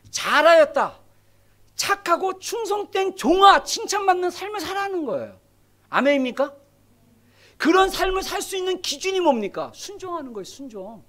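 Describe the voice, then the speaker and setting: High-pitched, animated man preaching. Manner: dramatic, acting out scripture quotes, rising to shouts. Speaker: pastor. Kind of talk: sermon. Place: church sanctuary.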